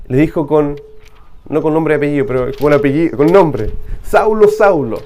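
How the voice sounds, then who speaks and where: A man's voice: on the high side, fairly even intonation, a little fast, dark tone, a little hiss or hum. A man with a Chilean accent, a pastor preaching a conversational sermon full of rhetorical questions to his congregation.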